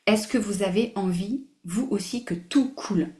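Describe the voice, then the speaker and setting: A woman hosting a live online masterclass, animated and emphatic, repeating phrases, mixing in English words and laughing often. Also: medium pitch, moderate pace. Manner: mixes English words into her speech. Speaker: masterclass host. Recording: roomy echo.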